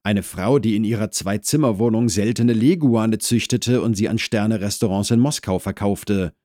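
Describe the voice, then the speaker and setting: A man narrating a comic audiobook in a wry, lively storytelling manner. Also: fairly low pitch, normal speed, no room sound, clean studio sound.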